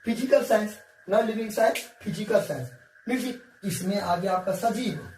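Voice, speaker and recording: Speaking at a moderate pace in a high, slightly mellow voice, this male teacher gives a whiteboard science lesson with faint music in the background. His style is coaxing and repetitive, with frequent checks that students understand. The recording sounds echoey, with a far-off mic and light hiss.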